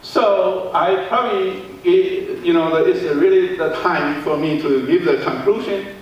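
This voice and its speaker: A man's voice: high voice, slow pace, dull audio. A man giving an academic keynote, a non-native English speaker who often checks in with "okay" and restarts his phrases. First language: Chinese. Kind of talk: academic conference talk. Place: lecture hall. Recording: distant mic in very echoey hall, faint noise.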